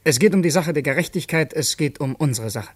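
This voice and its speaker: Playing a young revolutionary student, an actor gives tense, earnest first-person narration for a radio play. His fairly high, husky male voice is animated and brisk, with no echo.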